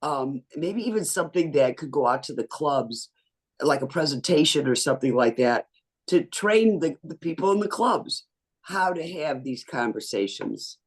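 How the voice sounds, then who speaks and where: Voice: mid-range voice, lively intonation, normal speed, breathy edge. A participant on a video call asking a thoughtful question. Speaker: audience participant.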